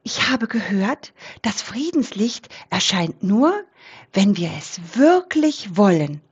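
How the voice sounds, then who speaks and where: Woman doing a soft, shy young doe. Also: medium pitch, very animated, slow, slightly rough, dull audio, heavily acted. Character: shy young female deer.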